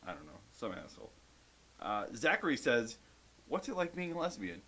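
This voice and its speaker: A man's voice: medium pitch, sing-song, moderate pace, sharp tone. A man co-hosting a podcast, reading out viewer questions and answering them in a loose, casual chat that has plenty of swearing. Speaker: podcast co-host.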